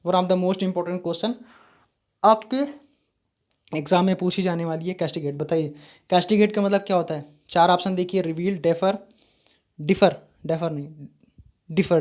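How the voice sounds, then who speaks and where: A male teacher giving a live online vocabulary lesson, spelling words letter by letter and repeating his questions. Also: high-pitched.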